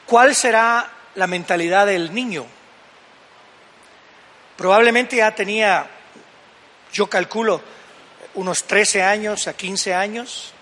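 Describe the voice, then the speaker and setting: A man's voice: high-pitched, slow pace, pauses often, pushed and bright, big-room sound. An older man preaching a sermon as pastor, fervently acting out the voices he quotes. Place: church.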